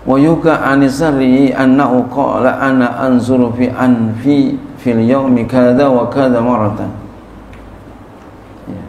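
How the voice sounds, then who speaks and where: A man, a religious teacher, leads a sermon-style lesson in a roomy, echoing hall with faint background ambience. His voice sits at an ordinary pitch. He recites Arabic, then explains it in easy, conversational Indonesian. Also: steady tone, a little slow, darkish tone, slight background noise. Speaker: kiai teaching a classical text. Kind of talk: sermon-style kitab study. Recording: echoey room with faint ambience.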